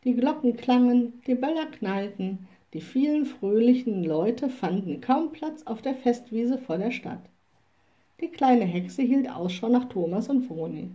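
A woman reading a children's storybook aloud in a calm, clear way. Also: on the high side. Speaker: narrator.

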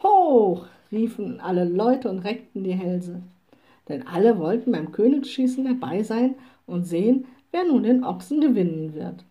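A woman reading a children's storybook aloud in a calm, clear way. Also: medium pitch, normal speed, dull audio. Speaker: narrator.

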